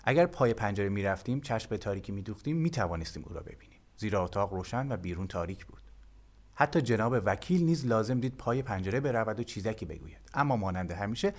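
A man reading a translated novel aloud as an audiobook narrator, calm and measured. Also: on the low side.

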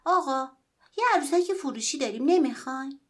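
A woman's voice: high voice, lively intonation, pitched above the performer's own voice. Woman doing a pleading poor little boy. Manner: pleading and calling out loudly. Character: poor young boy peddling a doll in the snow, pleading.

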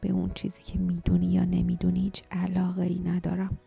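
A menacing cursed giant guarding a bridge, whispered by a woman narrator. His low voice rasps and grinds, dark and mellow in tone. He sounds cold and threatening in this audiobook tale. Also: monotone, soft background music, exaggerated voice.

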